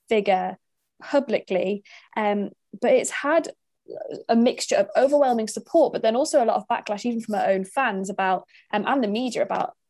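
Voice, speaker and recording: A young woman from northern England, with a mixed northern English accent, co-hosts a podcast and explains topics in casual chat full of fillers. Her voice sits on the high side with a darkish tone, and there's no echo.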